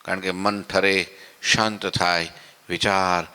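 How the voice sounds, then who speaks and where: Swami, chatty sermon, bright pushy voice, long echo from the temple hall. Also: male voice, sits low, flat delivery, slow, clear, resonant tone. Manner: folksy and conversational, acting out devotees' complaints and asking "samajya?". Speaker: swami giving morning katha. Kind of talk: devotional sermon.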